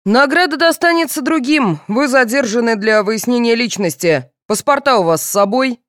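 A stern, dry police officer, read by a woman, giving clipped orders with calm authority. The voice swings lively in pitch and sits close and dry. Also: moderate pace, dry recording. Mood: curt, commanding. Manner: curt, commanding, dry. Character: stern middle-aged male police officer, unflappable. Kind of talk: audiobook character voice.

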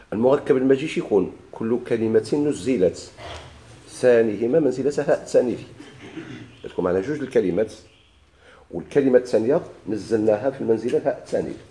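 A man's voice: medium pitch, warm tone. A man with a Moroccan Arabic accent teaching a classical grammar lesson. He quotes verses, then explains them step by step and puts questions to his students.

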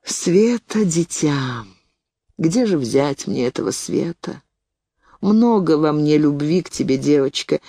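A woman's voice: deep voice, animated, takes it slowly, dark tone, husky, no echo, pitched below the performer's own voice, heavily acted. A woman voicing a remorseful old spinster aunt. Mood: grave, consoling. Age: older. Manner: anguished, self-reproaching, then grave and soothing.

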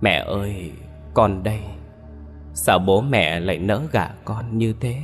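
The ghost of a young woman, as a male narrator puts her on, speaking faintly and slowly in a weak, whispery voice through tears. Her voice sits low and quiet. Soft music plays behind. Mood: mournful.

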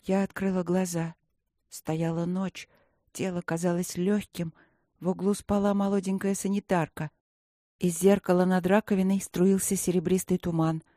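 Woman reading an audiobook, soft breathy feverish tone, lowish voice, dry close mic. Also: little pitch movement, moderate pace, no echo. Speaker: audiobook narrator. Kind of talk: first-person audiobook narration.

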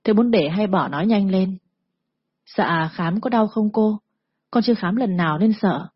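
A meek, frightened young woman speaking in a timid, polite voice, read by a woman storyteller. Her tone is breathy and husky, dry and close, with a dull lo-fi edge. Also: medium pitch, moderate pace, no echo, natural voice.

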